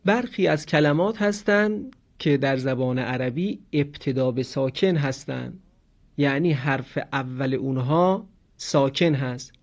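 A man teaching a grammar lesson slowly and clearly, stopping to sound out words as examples. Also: medium pitch. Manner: slow, explanatory, demonstrates pronunciation. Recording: dull lo-fi recording.

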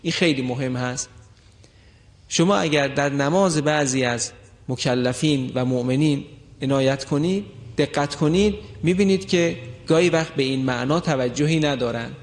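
A man teaching the rules of Quran recitation, drawing out his example words slowly and deliberately. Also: a little high. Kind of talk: tajweed lesson with recited examples. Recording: long hall reverb.

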